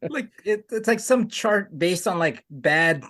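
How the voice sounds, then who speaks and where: A man's voice: high-pitched, expressive, takes it slowly, a bit bright. A man co-hosting a podcast in casual chat, riffing animatedly and giggling. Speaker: podcast co-host.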